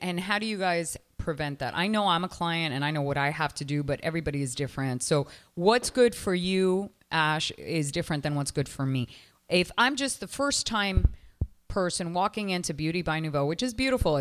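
Podcast host, woman, 40s, low-pitched and effusive, casual interview chat. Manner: effusive, chatty, quick asides. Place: Miami.

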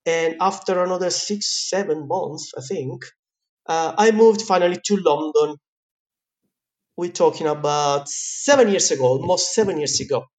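A man with a light Italian accent tells his story as an interview guest, talking in a relaxed, chatty way. His speech is full of small fillers and restarts, and he laughs often between his thoughts. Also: on the high side, normal speed. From Italy. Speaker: guest, pizza teacher.

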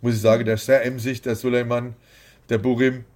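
A man's voice: medium pitch, level tone, fairly quick, a little mellow. A man who is a boxing promoter, talking bluntly and rambling as the guest in an interview. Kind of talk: casual interview.

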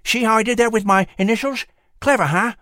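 A man's voice: sits high, brisk, bright, forceful tone, no echo, studio quality, pitched above the performer's own voice. A man voicing an eager young male flying squirrel who talks with a whistling lisp through his buck teeth. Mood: excited chatter. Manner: eager, chatty, boastful.

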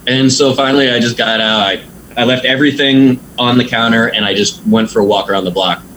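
A man's voice: medium pitch, steady tone, brisk, a bit bright, a little hiss or hum, low-quality recording. A man who is a tattoo artist, telling a story in a casual interview, laid-back and rambling, with frequent swearing and filler words.

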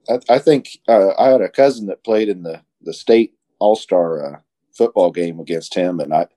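Hesitant man with a lively, mellow voice. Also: lowish voice. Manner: hesitant, many restarts and fillers, laughs often. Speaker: podcast guest. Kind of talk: casual chat.

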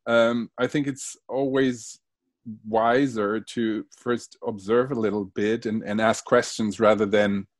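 A hesitant man from Germany whose first language is Spanish speaks as a guest in a reflective interview. His fairly low voice stays steady and slow, and he frequently restarts his sentences. The recording is dry.

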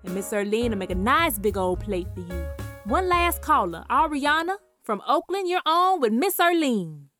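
A woman's voice: a little high, sing-song, moderate pace, fairly bright tone, faint music behind. A woman playing a folksy, blunt, churchgoing Southern radio advice auntie with a Southern US accent in a comedy sketch. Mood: folksy, reassuring. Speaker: radio advice show host.

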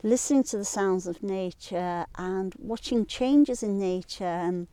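A woman's voice: mid-range voice, mellow, clear, resonant tone, dry recording. A middle-aged woman from Sheffield with a Yorkshire accent, a guest chatting on an open hillside and describing the landscape around her. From Sheffield, England. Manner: descriptive, unhurried, points out the landscape. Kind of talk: casual outdoor conversation.

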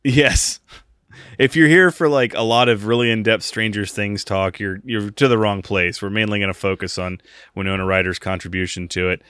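He's an American podcast co-host whose smooth, fairly bright voice sits on the low side, moving at normal speed. His talk is loose and jokey, full of rambling and frequent laughter, captured dry in studio quality.

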